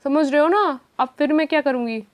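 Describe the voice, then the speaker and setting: A woman's voice: high voice, a little fast, dry recording. A woman teacher giving an exam-prep lesson, chatty and storytelling, asking her students questions as she goes.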